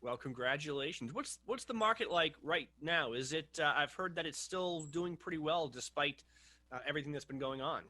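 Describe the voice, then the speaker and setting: A man's voice: a little high, lively intonation, moderate pace, sharp tone, no echo. A man hosting a conversational TV interview over a video call. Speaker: TV host, interviewer.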